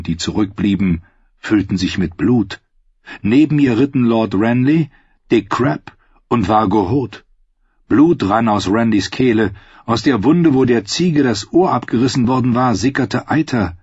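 A man narrates a novel in a measured, dramatic way, his low voice husky. The sound is dry and close, slightly dull and lo-fi. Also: a little mellow, no echo. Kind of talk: scripted audiobook narration.

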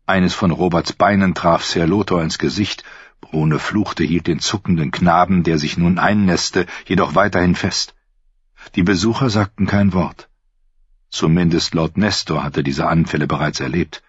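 A man reading a story aloud in a steady, even narration. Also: low-pitched, moderate pace, breathy edge, dry recording. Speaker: audiobook narrator. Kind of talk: scripted narration. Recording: dull lo-fi dry recording.

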